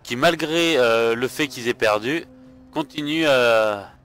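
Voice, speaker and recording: A man's voice: mid-range voice, slow pace, fairly bright tone, clear, resonant tone. A tired man narrating his own strategy game playthrough, thinking aloud with frequent hesitations. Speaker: gaming video host. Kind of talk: let's play commentary.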